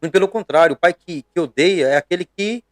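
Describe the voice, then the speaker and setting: A middle-aged man from Bahia with a Brazilian accent, a pastor preaching conversationally on a podcast, earnest and emphatic, often pausing to hesitate. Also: high voice, dry recording.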